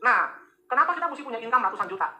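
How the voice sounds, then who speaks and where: A man giving a motivational business seminar to a live audience, joking and teasing the crowd with quick asides. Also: very high-pitched, big pitch swings, bright, forceful tone.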